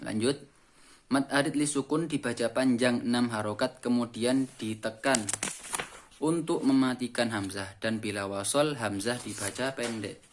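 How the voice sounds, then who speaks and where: A man with an Indonesian accent, teaching the rules of Quran reading and slowly chanting each example. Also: medium pitch. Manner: explains in short phrases and slowly chants the examples.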